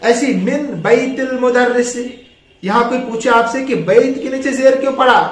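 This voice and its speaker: Male teacher, very high pitch, prompting question style, echoey classroom. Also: fairly even intonation, normal speed, a crowd in the background. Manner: quizzing, leaves words for students to finish. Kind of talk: classroom grammar lesson. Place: classroom with a board. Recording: echoey room.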